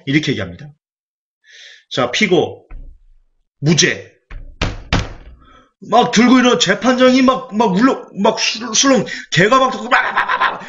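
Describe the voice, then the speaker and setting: Animated male preacher, lo-fi sermon. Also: high-pitched. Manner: animated, rhetorical questions to the congregation. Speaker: evangelist. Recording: dull lo-fi recording.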